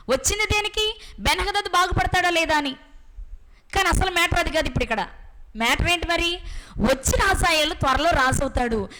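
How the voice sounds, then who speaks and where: Woman preacher, high voice, bright tone, sermon, asks and answers her own questions. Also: a little hiss or hum, low-quality recording.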